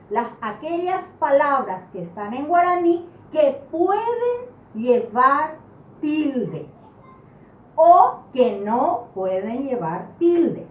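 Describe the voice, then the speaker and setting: A woman teaching a grammar lesson, speaking slowly and deliberately and stressing each example word. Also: high-pitched, distant mic. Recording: roomy sound from off-mic with faint background noise.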